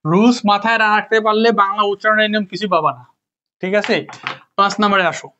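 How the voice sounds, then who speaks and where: A young man with a high, bright voice speaks fast and forcefully while giving a casual spoken lesson. He drills his students, repeating the same questions over and over. The recording is dull and lo-fi.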